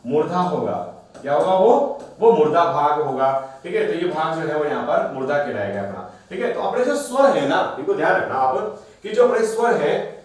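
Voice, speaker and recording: A man's voice: fairly high pitch, lively intonation, moderate pace. Echoey male grammar teacher quizzing himself. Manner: repetitive question-and-answer teaching, asks then answers himself. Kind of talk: classroom-style recorded lesson. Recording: very echoey room, voice from a distance.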